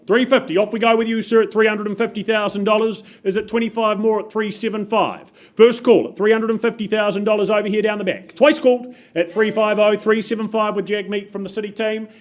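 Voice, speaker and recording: A New man working as an auctioneer, calling bids in brisk, upbeat patter, his voice a little muffled by a face mask. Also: sits high, steady tone. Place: auction room.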